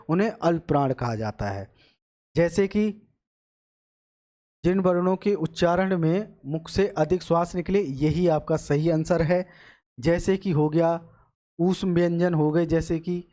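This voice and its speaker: Hindi teacher, man, slightly high voice. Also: a little mellow. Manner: explains step by step, repeats answers, asks and answers his own questions. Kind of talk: exam-prep lecture.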